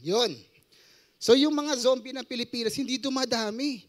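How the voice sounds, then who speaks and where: A man's voice: extremely high pitch, lively intonation, moderate pace. A young adult man with a Filipino accent preaching a sermon, joking and quizzing his audience as he mixes Tagalog and English.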